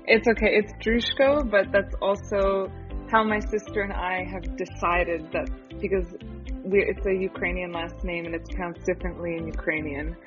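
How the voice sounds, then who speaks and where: A young woman, a startup founder talking earnestly as a podcast guest, with filler pauses. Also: lowish voice, fairly even intonation, over music. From Canada. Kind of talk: casual interview talk. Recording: slightly dull, dry studio sound.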